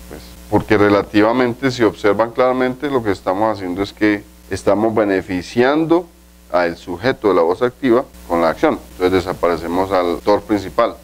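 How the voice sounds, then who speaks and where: Low-voiced man teaching English grammar. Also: a little mellow, poor audio. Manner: explains step by step, slows down to say English examples. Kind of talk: recorded video lesson.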